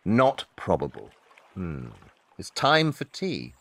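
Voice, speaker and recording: Man acting a deep, deadpan Sherlock Holmes. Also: slow, exaggerated voice. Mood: analytical. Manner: precise, deadpan, condescending. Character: Sherlock Holmes, coolly logical, blunt, dry-witted male detective. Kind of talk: audio drama dialogue.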